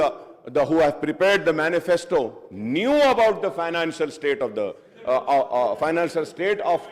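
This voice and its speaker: A man giving an argumentative speech as a legislator on the assembly floor, moving between English and Hindustani. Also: a little high. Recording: echoey assembly hall.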